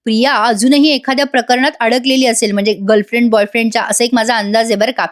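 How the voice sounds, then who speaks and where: Young wife, thoughtful, confiding, read by a woman, high voice. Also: steady tone, fast, natural voice.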